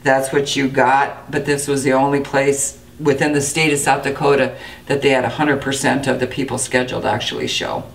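A woman in her sixties, a dental clinic director, giving a steady, matter-of-fact interview with frequent fillers. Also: extremely low pitch, moderate pace, recorded from a distance. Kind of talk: interview to camera. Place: indoor clinic room.

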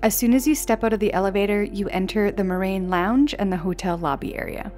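A woman's voice: mid-range voice, fairly quick, a little mellow, faint music behind. A young woman in a vlog, giving an upbeat, descriptive voice-over as a travel guide. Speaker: travel vlogger. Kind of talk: scripted travel narration. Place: outdoors at a mountain lookout for on-camera parts.

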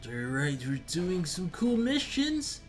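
A young American man giving casual, slangy, animated commentary as he plays a video game. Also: high voice, takes it slowly. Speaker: gaming video host. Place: indoor room at home, facecam. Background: game music.

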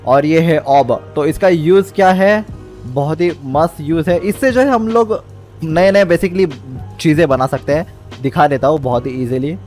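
Young male gamer host, a bit higher voice, casual step-by-step commentary over faint music. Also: darkish tone. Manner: explains step by step, mixes English words into speech. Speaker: gaming channel host.

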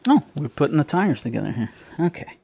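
This man speaks with a fairly high pitch that swings widely, moving at a quick clip with vocal fry and a dark, slightly rough tone, and there's no echo. He chats casually with viewers while building a toy kit, poking fun at himself and addressing them as folks, in unscripted build commentary.

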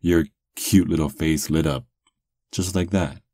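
A man with an extremely low, husky voice and fairly even intonation fully plays a doting, teasing vampire lover in an intimate ASMR roleplay. Close to the microphone on a dry recording, he murmurs slowly with soft chuckles, sounding pleased as he tells his story.

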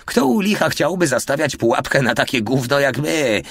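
A man's voice: mid-range voice, sing-song, moderate pace, creaky, fairly bright tone, dry recording, pitched above the performer's own voice, exaggerated voice. A man voicing a crude, mocking soldier who is always complaining about the cold, in an audiobook. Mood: brash, taunting. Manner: coarse, mocking, brash. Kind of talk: audiobook character voice.

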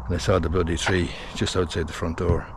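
A man in his sixties from Ireland films a casual selfie vlog in his garden beside a house, holding the phone camera at arm's length. His deep, level voice moves fairly quickly through a rambling story that keeps correcting itself, and the outdoor phone recording is noisy.

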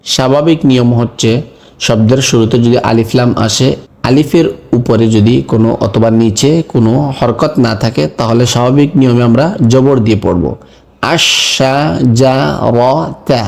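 A man teaching Quran reading in a slow lesson, spelling each word letter by letter and then chanting it. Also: medium pitch, a little mellow. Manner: spells words letter by letter, then recites them in a drawn-out chant. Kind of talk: slow step-by-step recitation lesson.

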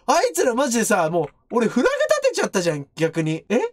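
Jumpy high-voiced man. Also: sing-song, no room sound, clean studio sound. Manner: jumpy, loud, teasing, quick to shriek. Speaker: game streamer. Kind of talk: horror game let's play commentary. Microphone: studio microphone.

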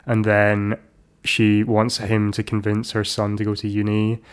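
A man's voice: lowish voice, monotone, a little slow, clean tone. A man hosting a podcast, recapping a film in a rambling, casual way with lots of restarts and asides. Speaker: podcast host.

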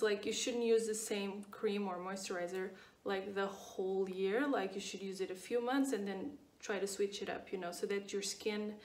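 Far from the mic in an echoey room, a woman of 29 from Portugal speaks in a mid-range voice. Her English carries a Portuguese accent as she casually reviews her skincare routine as a vlogger, repeating words and using many fillers, her voice off-mic.

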